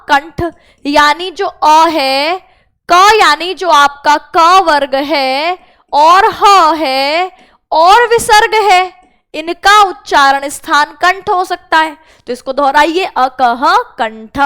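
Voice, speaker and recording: A woman's voice: very high-pitched, slow, bright, forceful tone. A young woman teaching a Sanskrit exam-prep lesson, drilling short mnemonics and having students repeat after her.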